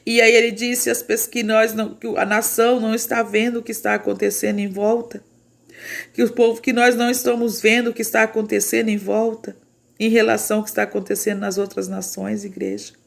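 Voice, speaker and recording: A woman's voice: fairly high pitch, flat delivery, brisk, gravelly. A woman with a Brazilian Portuguese accent gives a fervent religious testimony of a prophetic vision and reads scripture aloud. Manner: fervent, repeats "igreja" and "louvado seja Deus". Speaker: church sister sharing a prophetic vision.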